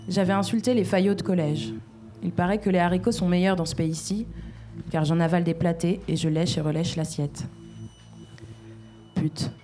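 Woman reading a literary text, mellow. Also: fairly low pitch. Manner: measured, refrain-like recitation.

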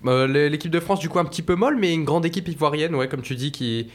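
A man co-hosting a sports radio show, giving his opinion in a relaxed, unhurried way. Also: on the high side. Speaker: co-host. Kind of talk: casual chat.

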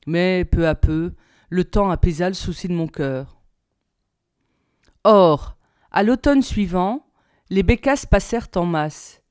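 Clear-voiced woman reading a story. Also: lowish voice, slow pace, pauses often, a little mellow, dry recording, studio quality. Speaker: reader. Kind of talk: reading a short story aloud.

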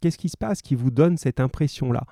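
A man's voice: mid-range voice, a little fast, creaky, dark tone, no room sound, clean studio sound. A male teacher reading a novel aloud, then leading a remote class in a chatty way, with hesitations and self-corrections.

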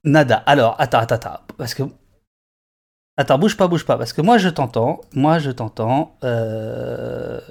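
A man hosting a casual live stream, stammering and repeating his words in quick bursts. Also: mid-range voice, creaky, a little mellow. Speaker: livestream host.

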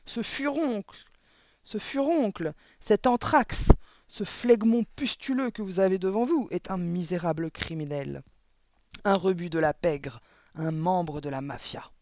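A man's voice: a little high, moderate pace, a little mellow, a little hiss or hum, lightly acted. A man reading a storybook aloud, voicing a cruel, furious woman headmistress who bellows insults at a pupil. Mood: raging.

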